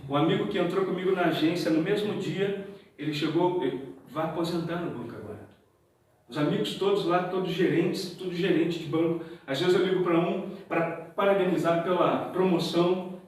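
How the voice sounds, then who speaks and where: A man with a Brazilian accent giving a testimony to a church congregation, telling his story in a lively way and acting out the dialogue. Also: high-pitched, moderate pace. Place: church hall. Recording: very echoey hall, mic far off.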